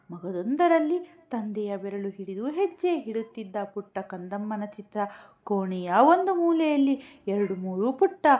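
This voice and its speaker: A woman narrating a family story in a soft, tender scripted style. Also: a little high. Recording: dull lo-fi audio.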